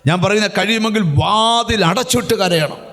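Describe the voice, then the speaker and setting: A man's voice: high voice, normal speed, a bit bright. A male pastor preaching a sermon and often breaking in with refrains of praise. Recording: hall reverb, church sound system.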